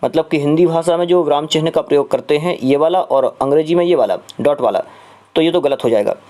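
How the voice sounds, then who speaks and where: A man teaching an exam prep lesson. He explains step by step, repeats each question and pauses on filler sounds between phrases. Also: on the high side, mellow.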